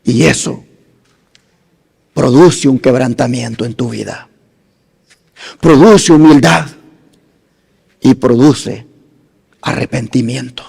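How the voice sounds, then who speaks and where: A man preaching a sermon as pastor, slow and dramatic, rising to loud emphasis and dropping to hushed phrases. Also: mid-range voice, gravelly, husky, in a large hall.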